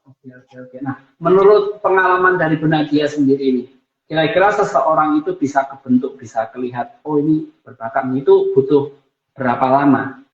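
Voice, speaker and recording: A man's voice: on the high side, moderate pace, echoey room, dull audio. A man hosting a casual interview, asking questions politely and filling in with short acknowledgements. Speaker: host.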